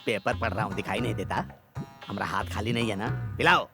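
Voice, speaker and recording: A man's voice: lowish voice, quick pace, music in the background, lightly acted. A man dubbing a lazy, bossy husband and father who nags and grumbles at his wife. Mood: nagging. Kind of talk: Hindi film dub comedy scene.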